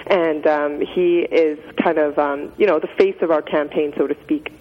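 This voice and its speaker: A woman's voice: low-pitched, steady tone, moderate pace. A young woman from Canada talking casually as a radio guest, chatty and full of fillers. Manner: chatty, many fillers and likes. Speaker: guest, nonprofit founder. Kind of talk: casual interview answers. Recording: dull radio sound with long reverb.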